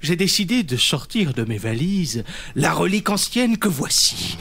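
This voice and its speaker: A man's voice: fairly high pitch, normal speed, slightly rough, exaggerated voice. A man playing a pompous, shrieking vain actor. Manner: pompous, excitable, bursts into shouting. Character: vain, pompous male actor and self-styled seer. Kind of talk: live improvised audio drama.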